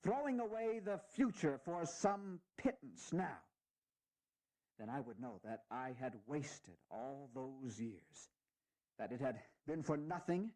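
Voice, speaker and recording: An aging general with lively, swooping pitch. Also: male voice, rough recording. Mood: grave, stern. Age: older. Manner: deliberate, halting, stirring. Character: dignified, aging general, earnest and fatherly. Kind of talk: historical audio drama oratory.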